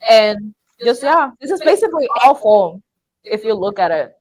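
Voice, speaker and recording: A woman's voice: on the high side, sing-song, moderate pace, rough recording. A woman chatting casually as a prop maker on a panel, explaining things in an informal, rambling way. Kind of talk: casual chat.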